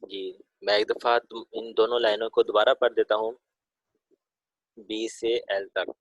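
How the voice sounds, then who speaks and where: A man's voice: lowish voice, flat delivery, no room sound, highs cut off. A man teaching a pronunciation lesson, who patiently drills sounds one by one and has his students repeat them aloud. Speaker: Chinese language teacher.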